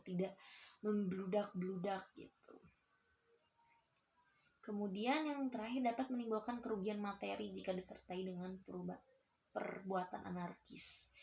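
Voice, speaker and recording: Young woman teaching a lesson, super chatty, asks the class stuff, a bit of fry in her voice. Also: medium pitch, darkish tone, slight background noise. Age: young adult. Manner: chatty and explanatory, with many filler tags and questions to the class. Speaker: university student giving a class lesson. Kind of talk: casual recorded lesson, addressing pupils as a teacher.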